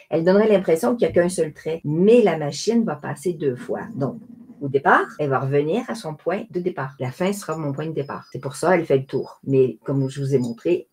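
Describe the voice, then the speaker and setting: A woman, explaining a design software tutorial step by step in a chatty way. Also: low-pitched, husky. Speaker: craft software tutorial host. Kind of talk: screen-recorded tutorial narration.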